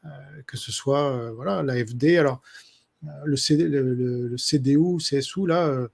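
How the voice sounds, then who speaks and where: Husky-voiced guy doing a casual q&a for his subscribers, lots of euh and restarts. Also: mid-range voice, moderate pace, a little mellow. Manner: hesitant, many fillers and restarts. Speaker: author answering subscriber questions. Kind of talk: casual spoken Q&A monologue.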